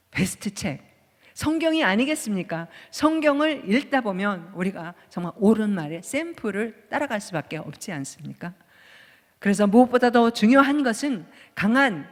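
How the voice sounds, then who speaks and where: A Korean woman pastor in her fifties giving a conversational sermon, asking the congregation rhetorical questions. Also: mid-range voice. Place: church sanctuary. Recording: long church hall reverb.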